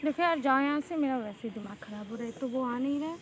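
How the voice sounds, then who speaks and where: A woman being pranked in a park, talking back in a sharp, annoyed, dismissive way. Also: high-pitched, quick pace, slight background noise. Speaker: prank target. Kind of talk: casual conversation.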